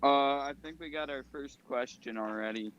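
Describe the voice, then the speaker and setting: A man's voice: mid-range voice, moderate pace, muffled recording, slight background noise. A man bantering on a casual podcast, joking and playfully arguing with the others.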